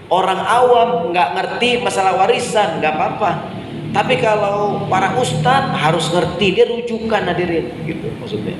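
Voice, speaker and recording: Echoing preacher in a mosque. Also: male voice, sits high, normal speed. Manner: conversational, often addresses the congregation and asks "right or not?". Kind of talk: evening mosque sermon. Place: mosque hall. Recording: very echoey mosque hall with long reverb and faint noise.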